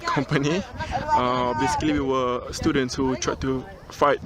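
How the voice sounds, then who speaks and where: A young man recording a casual video cover letter outdoors on a mountain top, relaxed and chatty, with frequent ums and restarts. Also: medium pitch, moderate pace, a loud crowd. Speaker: job applicant. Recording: outdoor recording with clear background noise.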